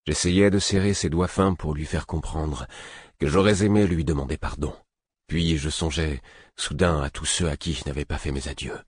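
A man reading a novel aloud in the first person, measured and expressive. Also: rumbling low, breathy edge, no echo. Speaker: audiobook narrator.

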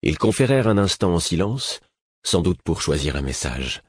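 A man reading a novel aloud as a measured narrator in the first person, on a close studio mic. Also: low-pitched, very animated, slightly rough, no echo. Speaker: audiobook narrator. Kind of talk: scripted narration.

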